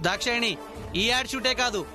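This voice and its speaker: An arrogant ad director hurls threats in a very high, fast voice. A clear music underscore runs beneath him. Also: male voice, fairly even intonation. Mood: contemptuous. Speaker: ad film director. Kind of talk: TV serial acting.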